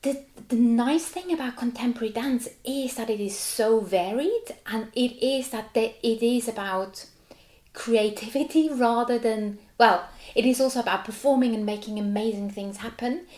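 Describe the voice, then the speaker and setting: Slightly high and a little mellow, her voice moves at a moderate pace against a reverberant backdrop. She's a Swiss woman in her forties, German her first language, a contemporary dancer chatting animatedly in a casual interview, laughing and saying "like" a lot.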